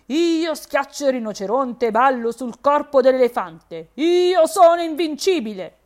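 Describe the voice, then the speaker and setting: A woman voicing a tiny caterpillar who boasts loudly that he is a fearsome warrior. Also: high-pitched, lively intonation, unhurried, pitched above the performer's own voice. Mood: boastful. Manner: bragging, loud, declamatory.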